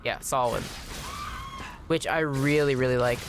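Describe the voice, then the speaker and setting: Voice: medium pitch, fairly even intonation, measured pace, noisy background. A game streamer chatting casually while playing, rambling and repeating words for emphasis. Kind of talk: casual chat while gaming.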